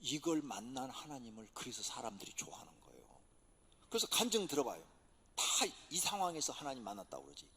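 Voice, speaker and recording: Pastor guy preaching hard, voice swoops all over, shouts then whispers. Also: medium pitch, sing-song, quick pace, gravelly, slightly rough. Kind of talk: sermon. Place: church sanctuary. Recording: church hall reverb.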